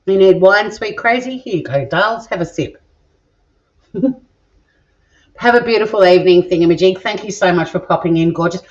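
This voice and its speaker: Speaking at a moderate pace with long pauses, this fairly low-pitched middle-aged Australian woman hosts a cooking stream from home. She casually reads viewer comments, teasing and swearing at times, on a dull lo-fi recording.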